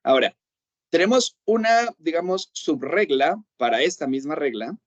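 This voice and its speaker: A man's voice: fairly high pitch, lively intonation, no room sound, lo-fi sound. A man teaching an English class, explaining patiently and checking often that his students follow. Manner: patient, repeats "¿ok?" to check understanding; slows down to say English examples. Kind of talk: online class explanation in Spanish.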